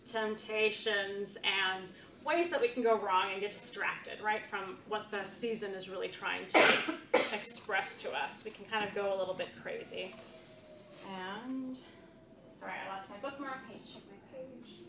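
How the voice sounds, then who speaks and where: A woman's voice: medium pitch, moderate pace. A woman presenting to a church group, talking conversationally with frequent "um"s, reading from a book and asking questions. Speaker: preacher and presenter. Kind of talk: teaching talk and reading aloud. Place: church meeting room. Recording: roomy, distant mic, faint noise.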